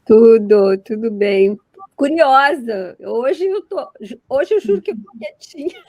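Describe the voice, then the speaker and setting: A woman's voice: a little high, animated, slow, darkish tone, no echo. A woman co-hosting a podcast, speaking in a playful, enthusiastic way. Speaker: podcast co-host. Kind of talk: casual chat.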